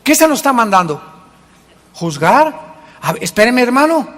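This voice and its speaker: A male pastor preaching a sermon in an animated way, acting out the church members he quotes. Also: extremely high pitch, moderate pace. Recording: long hall reverb.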